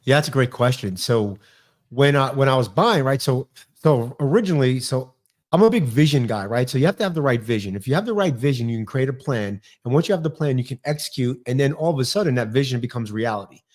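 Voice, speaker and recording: Appearing on a podcast, this fifty-something New Yorker chats casually and quickly, his accent clear and his ordinary mid-range voice full of energy. He's articulate, easygoing, and very driven.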